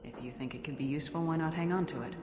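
A woman playing a composed human military commander in a video game, firm, measured and direct. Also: sits low, a little mellow, natural voice. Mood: calm, persuasive. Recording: echoey hall, music behind.

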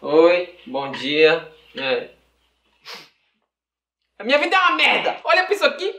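A man's voice: high voice, huge pitch swings, unhurried, noisy background, exaggerated voice. A man voicing a hot-tempered, melodramatic teenage girl who whines and swears. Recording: roomy echo.

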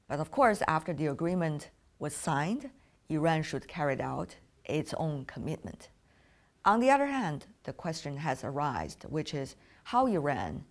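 A woman conducting a formal interview, putting long, deliberate questions as the interviewer. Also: sits low.

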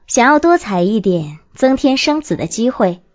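A woman's voice: on the high side, very animated, moderate pace, a little mellow. A woman narrating a book on classical poetry as an audiobook reader, reading expressively and posing rhetorical questions. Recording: dull lo-fi audiobook recording.

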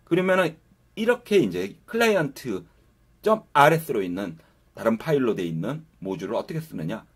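Brisk and sing-song, this coding instructor has a mid-range, slightly rough voice. He narrates a casual screen-recorded tutorial, taking viewers through the work step by step.

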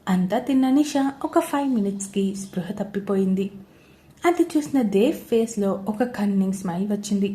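A woman storyteller giving a scripted narration of a romance story in a steady, even reading. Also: on the high side.

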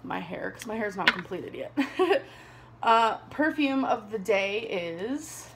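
Chatty young woman with a gravelly edge. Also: mid-range voice, expressive, slow, fairly bright tone, a little hiss or hum. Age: 20s. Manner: chatty, rambling, laughs often. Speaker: vlogger. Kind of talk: casual chat to camera. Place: small bedroom indoors. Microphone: camera on a desk below her.

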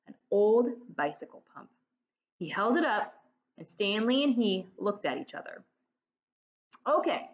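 A teacher in her forties reads a children's chapter book into a laptop webcam in a room at home, voicing the dialogue with lively expression. She tells the story slowly in a mid-range voice, and the recording sounds muffled.

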